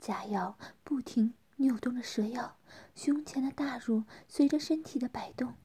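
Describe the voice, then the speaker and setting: Woman narrating in a hushed whisper. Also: fairly high pitch, unhurried, breathy edge.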